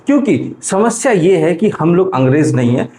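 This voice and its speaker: A man's voice: fairly high pitch, very animated, normal speed, dark tone, a little hiss or hum. A man teaching English literature in an explanatory lecture, often stopping to check in with the class and correcting himself as he goes. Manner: self-correcting, repeats "ठीक है" often.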